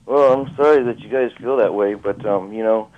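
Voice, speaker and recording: A man's voice: on the low side, moderate pace, narrow, tinny audio. Earnest man, radio show caller.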